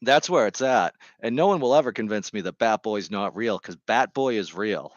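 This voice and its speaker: Man with a lowish voice and deadpan humor, rambling casually to camera. Dry, slightly dull mic sound. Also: normal speed, no echo. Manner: jokey, meandering, deadpan absurd humor. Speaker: vlogger. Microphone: Bluetooth microphone.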